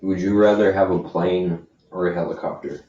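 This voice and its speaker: Laid-back young man with very low voice. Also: level tone, moderate pace, mellow. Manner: laid-back, swears a lot, slangy. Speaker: podcast co-host. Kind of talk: casual chat. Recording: roomy, distant, dull lo-fi mic with faint hiss.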